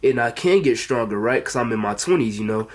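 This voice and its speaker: A teenage boy under 18 with an American accent, a fitness vlogger, chats casually to the camera from his bedroom at home. His mid-range voice is animated and brisk, and he comes across as earnest, rambling and repetitive.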